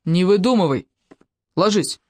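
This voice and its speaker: A woman's voice: lowish voice, lively intonation, a little slow, darkish tone, no room sound, studio quality. A woman voicing an elderly former army officer, fatherly and authoritative.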